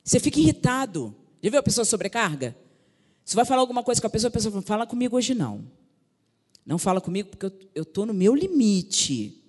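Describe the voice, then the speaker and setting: A woman's voice: mid-range voice, very animated, fast, a little mellow. Fervent woman pastor in a reverberant church. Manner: fervent, calls out to the congregation. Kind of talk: sermon. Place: large church sanctuary.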